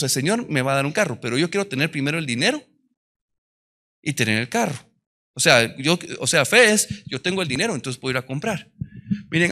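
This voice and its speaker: A man preaching in a church, telling stories and swinging from quiet talk to loud, emphatic preaching. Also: a little high. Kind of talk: sermon.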